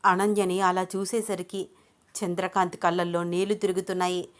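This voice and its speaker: A woman's voice: on the low side, flat delivery, fairly quick. Woman narrating a love story.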